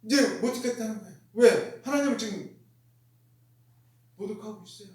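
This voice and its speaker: High-voiced preaching man, very echoey. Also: normal speed. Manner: emphatic, repeats key phrases, asks the congregation questions. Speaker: pastor. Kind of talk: sermon. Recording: very echoey room, mic far off.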